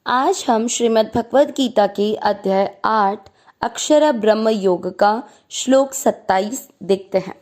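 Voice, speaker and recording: A woman teaching Sanskrit verse pronunciation, breaking words into syllables and reciting them slowly and drawn out. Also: mid-range voice, darkish tone. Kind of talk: patient pronunciation lesson.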